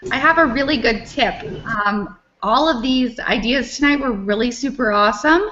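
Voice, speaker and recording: A woman's voice: fairly high pitch, moderate pace, sharp tone, muffled recording, a little hiss or hum. A woman sales director who is losing her voice, eagerly giving a tip in a round table chat.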